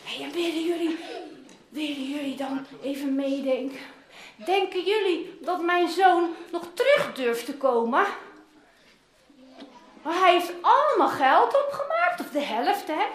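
Woman voicing fond old father in a kids' Bible role-play, high lively voice, roomy echo. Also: measured pace, long pauses. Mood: coaxing. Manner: animated, coaxing, talks to the children. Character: loving older father longing for lost son. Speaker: children's Bible teacher. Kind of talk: interactive Bible story role-play for children. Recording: roomy echoing room.

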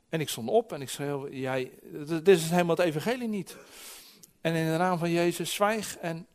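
A man in his forties preaching a sermon, telling stories lively and acting out voices, often restarting his words. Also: fairly high pitch. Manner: lively storytelling with acted-out voices; frequent restarts and repeated words.

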